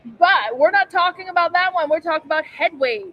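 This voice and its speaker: A woman with a notably high voice co-hosts a live board game stream from a convention center. She sounds upbeat and eager, and she steers the conversation. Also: fairly quick, dull audio. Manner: upbeat, enthusiastic, leads the talk. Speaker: board game channel host.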